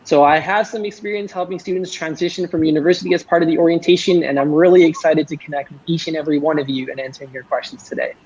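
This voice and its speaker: Young man, raised pitch, raspy tone, conversational panelist, dull recording. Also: steady tone, fast, hardly any pauses, darkish tone, a little hiss or hum. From born in India, moved to Canada about twenty years ago. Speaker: student panelist. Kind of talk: conversational self-introduction and advice.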